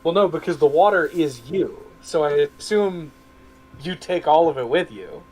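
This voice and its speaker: A man's voice: a little high, expressive, moderate pace, a little mellow, low-quality recording. A man playing a tabletop game, chatting casually and saying "like" a lot. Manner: chatty, lots of "like". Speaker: player.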